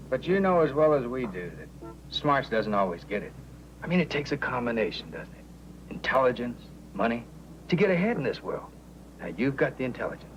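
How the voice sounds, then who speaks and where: An actor playing a smooth-talking male recruiter for a baby racket in a 1980s TV drama, speaking in a slow, persuasive manner. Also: mid-range voice, fairly bright tone, a little hiss or hum, poor audio. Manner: persuasive, oily, drawn-out.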